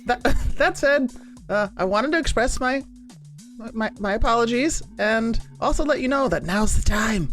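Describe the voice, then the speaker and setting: Really high squeaky flustered adventurer boy, rambly and eager, tabletop game. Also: animated, a bit bright, faint music behind. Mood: flustered, apologetic. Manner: halting, rambling, breathless eagerness. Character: eager, flustered, apologetic male young adventurer. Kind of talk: tabletop role-play.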